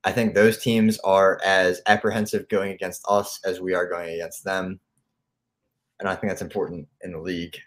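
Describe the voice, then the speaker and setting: Lower-voiced man, opinionated podcast co-host. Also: moderate pace. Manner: steady, opinionated, thinks aloud. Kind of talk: casual sports podcast chat.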